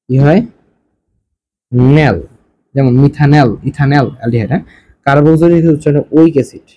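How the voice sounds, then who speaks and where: A man's voice: a little high, mellow, rough recording. A male chemistry teacher giving a classroom lecture, often checking in with his students and mixing English terms into his explanations. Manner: asks students frequent check questions; mixes English terms into speech.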